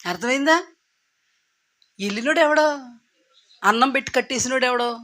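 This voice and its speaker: A woman preaching a sermon who tells the story lively, asks the congregation rhetorical questions and acts out the characters' lines. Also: high voice, moderate pace. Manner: lively, acts out biblical characters in quoted voices.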